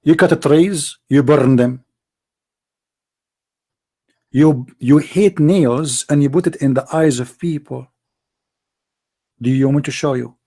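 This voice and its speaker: A man with a somewhat high, warm, mellow voice hosts a live call-in debate. He argues combatively, stacking up rhetorical questions one after another. His English is fluent but plainly non-native in its grammar. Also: slow pace, long pauses, husky. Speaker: host of a call-in debate show. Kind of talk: live-stream religious debate talk.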